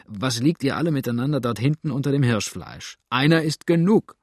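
A man voicing a gruff, irritable frontier settler who curses and shouts in an audiobook. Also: lowish voice, expressive, a little slow, no room sound, studio quality. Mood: angry. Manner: cursing, shouting at dogs. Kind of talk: audiobook character voice.

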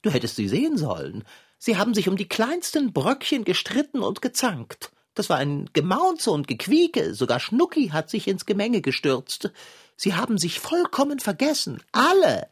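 Long John Silver, a woman voicing a pompous husky tomcat. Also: medium pitch, wildly swooping pitch, moderate pace. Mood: gleeful. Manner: haughty, affected and mannered speech. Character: vain pompous male tomcat, theatrical and fussy. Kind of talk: children's audio drama.

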